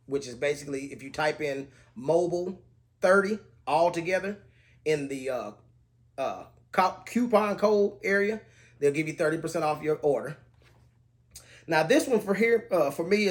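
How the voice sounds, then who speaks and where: Conversational man reviewing fragrances. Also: a little high. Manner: relaxed, conversational, lists notes in a steady cadence. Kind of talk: casual product review to camera.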